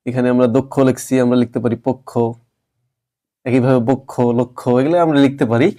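A man's voice: mid-range voice, fairly even intonation, warm tone. Patient male teacher explaining pronunciation. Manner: patient, explains step by step, repeats words slowly. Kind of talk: grammar lesson at a board.

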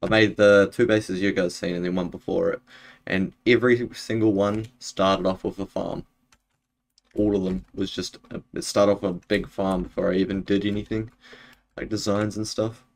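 Low-pitched and fairly flat in intonation, a young man speaks at normal speed as he livestreams Minecraft from his home room. His casual chat with viewers is laid-back and packed with fillers.

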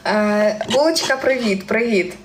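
A young Ukrainian woman with a central Ukrainian surzhyk accent chats casually on a live stream, reading viewer comments aloud and giggling often. Her voice is a little high and a little slow, recorded in an echoey room with faint ambient noise.

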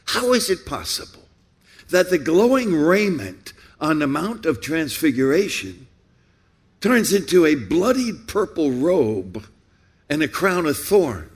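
Husky preacher man with slow, lively delivery. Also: fairly high pitch. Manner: rhetorical, repeating questions with rising emphasis. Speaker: pastor. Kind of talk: sermon.

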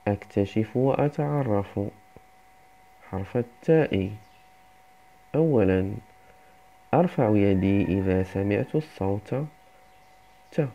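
A man teaching a first-grade reading lesson, saying each word slowly and twice for young children. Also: lowish voice, expressive, vocal fry. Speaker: primary school teacher. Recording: dull lo-fi recording.

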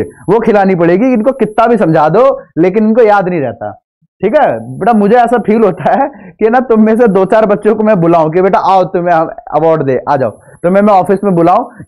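A man's voice: sits high, darkish tone. A man teaching English grammar in an online exam-prep class, speaking mixed with English, teasing and playfully scolding his students, repeating rules and asking them to say yes. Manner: repeats points, asks students to answer yes.

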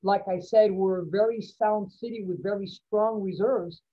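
A middle-aged woman, a city manager, answering questions in an online lecture, upbeat and encouraging, listing points in quick bursts from her office webcam. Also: mid-range voice, fairly even intonation, breathy edge. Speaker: city manager, guest speaker. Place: office with poster on the wall. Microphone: laptop webcam on video call. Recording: dull lo-fi video call audio.

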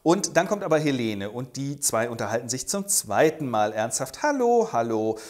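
A man's voice: medium pitch, expressive, moderate pace. A man narrating a humorous retelling of a stage play, ironic and chatty, with filler sounds.

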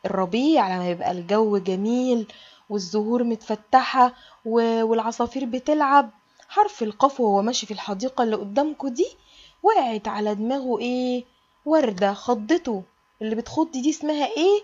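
A woman's voice: on the high side, a little fast, a little mellow, highs cut off. A woman with an Egyptian Arabic accent, teaching a kindergarten alphabet lesson in a sing-song way and stretching out the letter sounds for small children.

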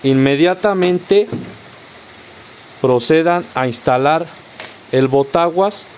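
A Mexican man walks viewers through a how-to in a slightly high voice. He speaks slowly and patiently, giving each step as a direct instruction. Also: a little mellow, a little hiss or hum. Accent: Mexican Spanish. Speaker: car accessory tutorial host.

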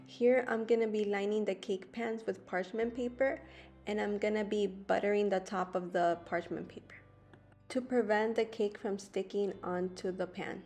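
Young woman talking thru a recipe step by step, voice-over w/ guitar music playing clear behind. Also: mid-range voice, fairly even intonation, normal speed, darkish tone. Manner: plain step-by-step explaining. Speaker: vlogger.

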